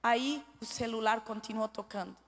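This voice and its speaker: A woman's voice: on the high side, normal speed. A woman telling her testimony in a church, making earnest, pleading appeals to the listener. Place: church hall. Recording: long church hall reverb.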